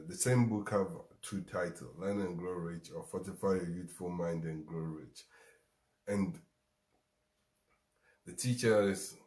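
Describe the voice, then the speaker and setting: A man's voice: low voice, darkish tone, echoey room. A man with a Ghanaian accent hosting a show, giving a motivational talk and repeating lines for emphasis. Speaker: show host.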